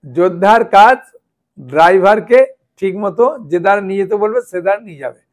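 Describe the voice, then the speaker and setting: A man's voice: sits high, lively intonation, brisk. A man teaching a scripture class, explaining with stories and checking in with his listeners often. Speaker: Gita teacher.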